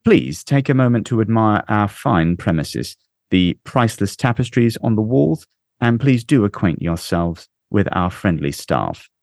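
A man's voice: fairly low pitch, lively intonation, gravelly, darkish tone, no echo, studio quality, pitched above the performer's own voice. A man doing a silky, coolly menacing banker. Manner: silky and polite, unhurried.

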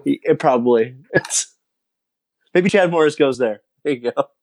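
A man joins a casual sports talk as a co-host. He teases the others with dry, deadpan jokes. His voice sits at a middle pitch. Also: a little slow. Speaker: podcast co-host.

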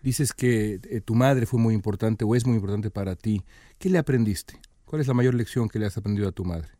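Mellow-voiced male interviewer. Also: on the low side, dry recording, studio quality. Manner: measured, reflective, stumbling on restarts. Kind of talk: interview host questions.

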